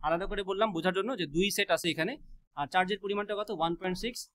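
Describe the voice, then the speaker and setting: A man teaches a physics class, quizzing students with quick rhetorical questions and mixing English math terms into his speech. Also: high voice, fairly even intonation, fairly bright tone. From Bangladesh.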